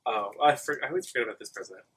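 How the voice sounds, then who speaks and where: A man's voice: medium pitch, animated, very fast, a bit bright, breathy edge, distant mic. A man in casual comedic chat, bantering playfully with a mock-serious manner.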